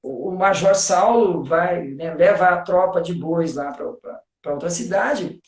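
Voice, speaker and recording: A man's voice: high voice, a little slow, roomy sound. A man, a guest on a live stream, explains things eagerly in casual talk. He fills his speech with "né" and counts out rhythms aloud. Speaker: guest discussing literature.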